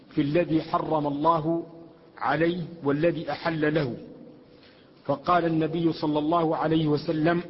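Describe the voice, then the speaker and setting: A man's voice: on the high side, husky. A man reading a classical text aloud for a lesson, carefully reciting and restarting on hard words. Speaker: student reader. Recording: echoey hall, muffled lo-fi recording.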